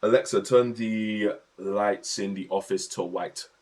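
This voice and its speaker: A man's voice: lowish voice, steady tone, a little slow, darkish tone. A young man chatting casually on his livestream, slang-heavy and talkative, in his home office.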